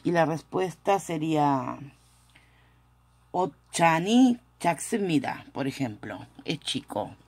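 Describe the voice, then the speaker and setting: Lady teaching words real slow, repeats everything, dry close phone sound. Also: deep voice, lively intonation, a little mellow, slightly rough, dry recording. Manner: repeats words slowly, corrects her own pronunciation. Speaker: Korean language teacher. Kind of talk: slow, careful language lesson. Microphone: phone camera.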